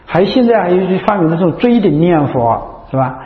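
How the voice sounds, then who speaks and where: A man's voice: high-pitched, very animated, brisk. Male monk, dharma talk; repeats himself, keeps asking the room questions; roomy, echoing hall sound. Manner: chatty, repetitive, rhetorical questions. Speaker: Buddhist monk teaching. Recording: echoey hall, dull lo-fi sound.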